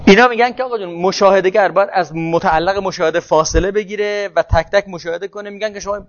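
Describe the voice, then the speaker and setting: Man, lecturer, classroom talk, high pitch, thinking aloud, dull recording. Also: slight background noise. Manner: thinking aloud, restarting words.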